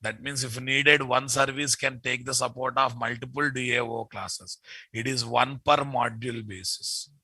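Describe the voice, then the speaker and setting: A man's voice: mid-range voice, fairly even intonation, moderate pace, pushed and bright, slightly rough, dry recording. A man with a Telugu Indian accent, teaching a live programming class emphatically, repeating key phrases and checking that students follow. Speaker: programming instructor. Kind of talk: live online class lecture.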